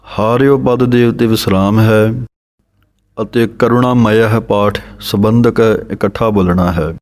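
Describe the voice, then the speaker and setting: A man teaching the pronunciation of scripture recitation. He chants each verse slowly, then explains how every word should be said. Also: fairly low pitch, steady tone, a little mellow.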